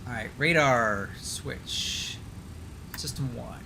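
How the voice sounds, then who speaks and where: A man's voice: mid-range voice, takes it slowly, creaky, sharp tone, slight background noise. A man livestreaming as a flight sim pilot, giving clipped cockpit callouts and radio readbacks like a pilot on a headset. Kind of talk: live flight commentary with pilot radio calls.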